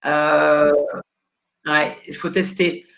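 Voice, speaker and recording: A woman's voice: deep voice, little pitch movement, extremely slow, vocal fry, a bit bright, lo-fi sound. A woman career coach answering questions live on a video call, hesitant and full of fillers while searching her files.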